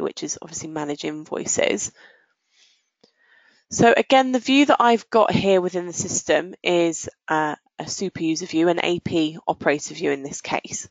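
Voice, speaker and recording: This woman's voice sits on the low side and is creaky as she demonstrates software. She talks conversationally, stopping now and then and stretching words out. The muffled, dull audio has no echo.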